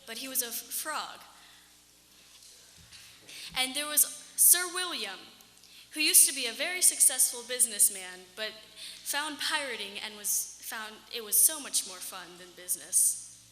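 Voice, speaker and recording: A woman narrating a tall tale on stage in a halting, improvised-sounding way, in an echoey hall. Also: fairly high pitch, lively intonation, bright, forceful tone, a little hiss or hum. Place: indoor hall at a storytelling contest.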